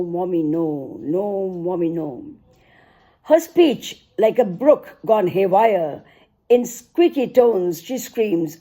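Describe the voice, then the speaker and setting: A middle-aged woman, an author, reads her poems aloud and thanks her readers, unhurried and pausing often between phrases. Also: a little high, mellow. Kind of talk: poetry reading and thanks to readers.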